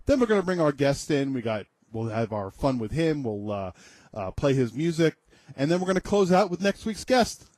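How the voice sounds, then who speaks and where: A man co-hosting an internet radio show in casual chat, jokey and quick to laugh, stumbling over his words. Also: medium pitch, very animated, a little mellow, no echo.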